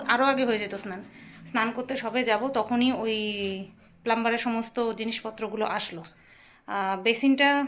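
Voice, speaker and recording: A woman's voice: a little high, a little hiss or hum, low-quality recording. A woman chatting casually to her viewers in a home vlog, tired after little sleep. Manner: chatty, addresses viewers directly. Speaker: home vlogger. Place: home, indoors.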